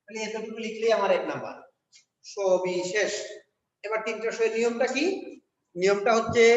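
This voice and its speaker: Male teacher, high voice, revision lecture recorded in a big echoing hall. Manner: slow, explains step by step, spells out letters one by one. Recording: echoey hall, dull lo-fi sound.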